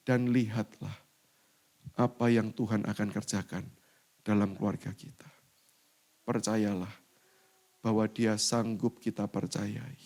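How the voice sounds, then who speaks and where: A doting older mother, as a preacher puts her on, speaking softly and earnestly. At times her voice shoots up high into joyful shouts. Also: creaky, full character voice. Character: loving older mother, gentle then exuberant.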